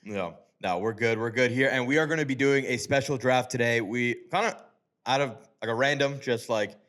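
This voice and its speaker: A young man hosts a relaxed movie talk, rambling with plenty of "like"s and easy laughs. His voice sits at an ordinary middle pitch. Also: fairly quick. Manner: loose, filler-heavy, laughs often. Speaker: podcast host. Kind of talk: casual chat.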